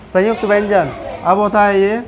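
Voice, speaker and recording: A woman's voice: medium pitch, steady tone, moderate pace, a little hiss or hum. A woman teacher with a Bihari Hindi accent, giving a classroom grammar lesson and often asking the pupils questions to check they follow.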